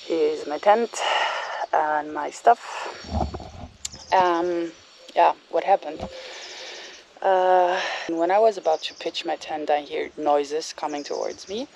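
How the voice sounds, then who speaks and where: Solo woman cyclist vlogging outside at a campsite, slow unhurried talk with lots of ums, faint noise behind. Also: deep voice, gravelly, a little mellow. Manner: hesitant, many fillers and restarts. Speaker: bicycle traveler vlogger. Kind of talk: casual vlog storytelling. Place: outdoors at a campsite.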